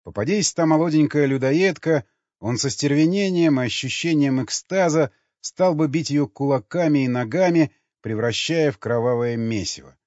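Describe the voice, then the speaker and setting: A man's voice: on the high side, normal speed, darkish tone, no echo. Man reading an audiobook, dry sound. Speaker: audiobook narrator. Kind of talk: scripted narration. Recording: dry, slightly dull recording.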